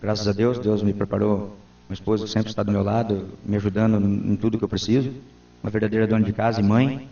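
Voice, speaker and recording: A man's voice: on the low side, flat delivery, fast, gravelly, mellow. A man in his forties, a town councilman, giving earnest, formal answers in a local TV interview. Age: 40s. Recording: roomy, distant, dull lo-fi sound.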